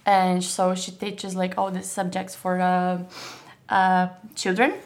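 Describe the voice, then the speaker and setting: A woman's voice: on the low side, monotone, slow pace. A young woman from southern Brazil speaks English with a Brazilian accent, Portuguese being her first language. She answers an interviewer's questions in a casual, hesitant way, full of fillers and small giggles. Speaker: interview guest, model.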